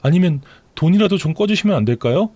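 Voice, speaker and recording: In a storytelling radio drama, a man plays a desperate young pregnant woman, whining and begging in a shrill tone. His delivery is expressive, quick and mellow, with no room sound.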